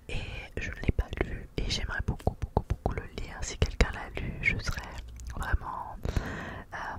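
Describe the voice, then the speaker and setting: Whispering woman in a soft ASMR book chat. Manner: soft library-style whisper throughout. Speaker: book reviewer, vlog host.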